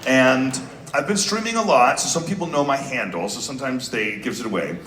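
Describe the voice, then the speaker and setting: A man on a convention panel, telling a lively anecdote into a microphone. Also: mid-range voice, a little fast. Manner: animated anecdote telling with impressions. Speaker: voice actor panelist. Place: large convention hall. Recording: echoey convention hall with noise.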